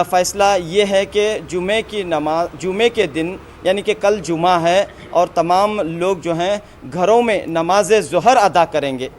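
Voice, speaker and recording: A man's voice: high-pitched, a little hiss or hum. A man, a news field reporter, speaking formally with some hesitation fillers, outdoors by a street.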